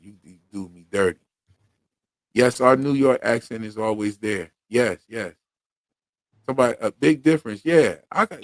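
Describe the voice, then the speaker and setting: Speaking in a fairly low, mid-range voice with a gravelly edge, a Pennsylvania podcast host with a Philadelphia accent runs a relaxed livestream chat. His talk is easy slang full of fillers, captured close and dry with no room sound.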